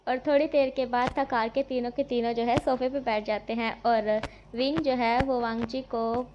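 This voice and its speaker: A woman's voice: on the high side, darkish tone, dull audio, slight background noise. A woman retelling a fan-fiction love story in a casual way, with fillers and self-corrections.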